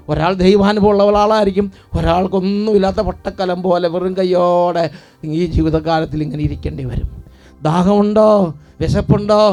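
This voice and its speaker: A middle-aged priest with a Malayali accent preaching a sermon, repeating phrases in a fervent, rising, pleading cadence. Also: male voice, high voice, gravelly, a little mellow.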